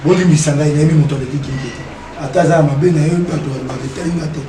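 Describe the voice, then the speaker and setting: A man's voice: a little high, fairly even intonation, quick pace, roomy sound, far from the mic, noisy background. A man, talking as an interview guest, emphatic and repeating his rhetorical questions. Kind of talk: animated interview talk, mixing French and Lingala.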